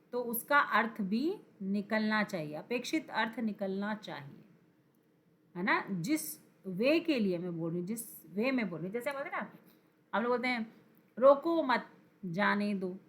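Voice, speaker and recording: A woman teacher giving an exam-prep grammar lesson, slow and emphatic, repeating key words and quizzing her viewers. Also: on the high side, lively intonation, a bit bright. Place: teaching at a screen.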